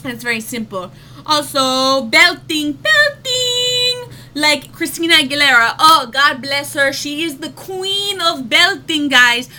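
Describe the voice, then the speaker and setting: Chatty bright-voiced young woman vlogger. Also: sits high, very animated, takes it slowly, slight background noise. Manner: chatty, many fillers, bursts into sung demo notes. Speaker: vlogger giving voice tips. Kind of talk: casual vlog lesson.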